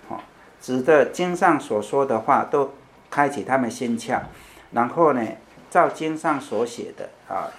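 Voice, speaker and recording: A man's voice: medium pitch, slight background noise. A man giving a conversational sermon. He asks the congregation questions, answers them himself, repeats key phrases and keeps adding "you know?". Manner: tags lines with "you know?". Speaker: preacher.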